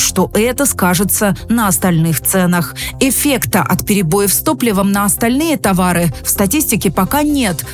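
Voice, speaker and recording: A woman reading scripted news as a radio anchor in a clear, measured way. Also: mid-range voice.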